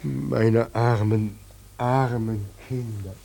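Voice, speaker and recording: Sorrowful old God, weary and powerless, radio play, slow and low, dark husky voice. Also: male voice, fairly even intonation, a little hiss or hum. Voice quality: soft, sorrowful.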